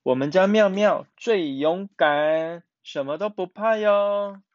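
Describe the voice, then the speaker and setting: A gentle, caring mother who coaxes softly and slowly, as a man reads her in a storybook. Her voice sits a little high. The sound is dry and slightly dull. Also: no echo. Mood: coaxing. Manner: soothing, coaxing.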